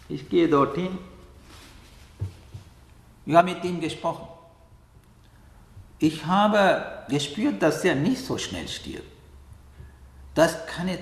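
A man speaks slowly and haltingly, pausing to find words and tagging his thoughts with a questioning "ja?". His voice sits a little high for a man. The room around him rings with a long, echoey reverb. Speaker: meditation teacher who accompanies the dying. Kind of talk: calm reflective interview answer.

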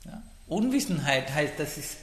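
A man gives a Buddhist dharma talk, halting and grammatically loose, often pausing to check in with his listeners. His pitch rises and falls with lively movement. The sound carries a long, roomy echo from a large hall. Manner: halting, broken grammar, frequent "Ja?" check-ins. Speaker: Buddhist teacher.

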